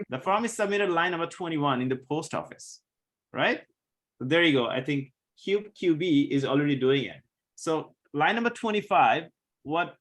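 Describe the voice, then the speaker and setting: A man teaching a live coding class, patiently walking students through code step by step, a bit hoarse as he loses his voice. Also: sits high, a bit bright. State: losing his voice, coughing. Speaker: coding instructor.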